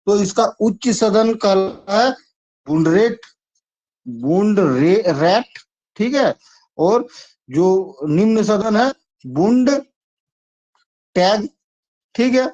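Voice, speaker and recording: Slow-talking teacher drilling memory tricks. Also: male voice, high-pitched, a little mellow. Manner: chatty, repetitive, coaxing. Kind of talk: exam-prep lesson with memory tricks. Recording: dull lo-fi sound.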